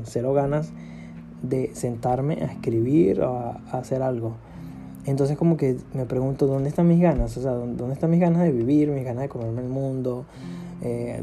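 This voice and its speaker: A young man hosting an unscripted personal podcast, talking candidly and ramblingly about feeling low, with self-deprecating laughs. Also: mellow. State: low spirits. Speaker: podcast host.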